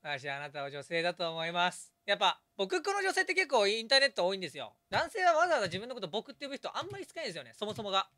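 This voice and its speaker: Man, host, animated, teasing, laughs often, very bright, dry close sound. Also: high-pitched, very fast, hardly any pauses, no echo. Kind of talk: hosting a game stream.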